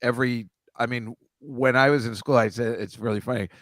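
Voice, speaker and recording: A man's voice: medium pitch, fairly even intonation, brisk, fairly bright tone, dry recording, clean studio sound. A man, chatting casually as a podcast co-host in a rambling, teasing way. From Edison, New Jersey, USA. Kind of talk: casual chat.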